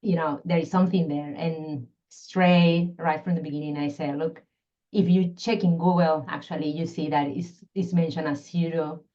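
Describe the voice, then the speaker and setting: Here the Peruvian guest's voice is low and dark, moving at a moderate pace with fairly even intonation, and the sound is lo-fi. A middle-aged scientist and constellation facilitator with a Peruvian Spanish accent, she reflects carefully on her work in the podcast interview, often pausing to find words.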